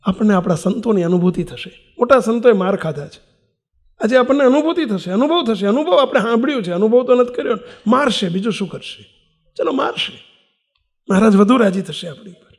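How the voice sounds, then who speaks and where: A man's voice: high-pitched, brisk. An older man, a monk, preaching a sermon and telling a story, acting out the voices of the people in it. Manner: animated storytelling, acts out quoted voices.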